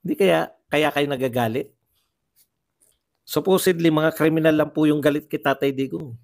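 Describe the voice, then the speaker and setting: A man delivers a heated political monologue in a fairly high voice. He keeps firing rhetorical questions and pushes up into emphatic outbursts. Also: moderate pace, creaky. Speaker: political commentator.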